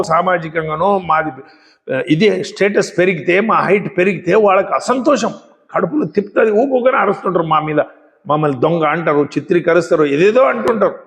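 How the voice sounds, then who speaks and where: A man's voice: high-pitched, vocal fry, a bit bright. A man preaching with folksy moral fables in a conversational, rhetorical manner. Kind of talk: moral storytelling sermon. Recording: echoey hall.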